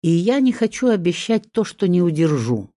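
A reader voicing an earnest young man who speaks quietly and haltingly. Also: mid-range voice, very animated, no echo, studio quality, pitched above the performer's own voice, lightly acted. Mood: tender.

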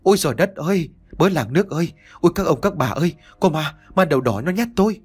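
A male narrator voicing a frightened man who shouts frantically for help. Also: on the low side, very animated, fast talker, slightly rough. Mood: terrified. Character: panicked man terrified by a ghost.

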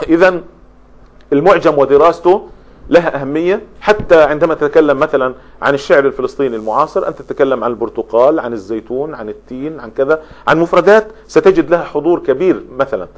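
A male lecturer talks through his material at a brisk clip, his voice sitting a little high for a man. He explains point by point and stacks up long lists of examples, often stopping and restarting mid-phrase. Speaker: literature lecturer. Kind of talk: spoken lecture on poetry.

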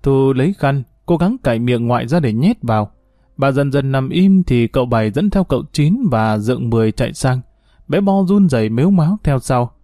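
Male story reader, steady and even, mellow tone, dry close sound. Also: medium pitch, normal speed, no room sound. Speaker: narrator. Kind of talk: storybook narration.

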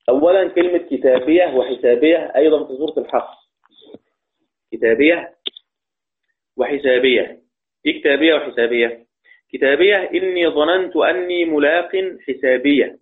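A man with an Egyptian Arabic accent teaching Quran recitation, repeating key words and asking his students questions. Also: medium pitch. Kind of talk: explanatory lesson. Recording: tinny phone-like audio.

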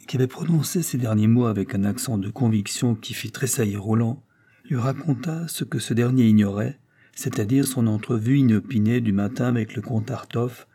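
A man narrating a novel in measured audiobook style. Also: mid-range voice, warm tone, breathy edge.

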